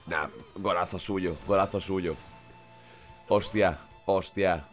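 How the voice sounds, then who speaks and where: A man's voice: sits low, slow, soft background music. A man with a cold, streaming a football game live and swearing at the play. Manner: excitable, swears constantly, shouts at the game. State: sick with a runny nose. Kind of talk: live gaming stream commentary.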